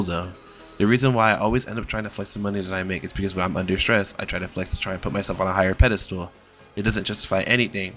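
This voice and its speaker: A young man, an online creator, reads a somber scripted apology in a serious, measured manner, sometimes stumbling over his words. His voice is low with a fairly bright tone.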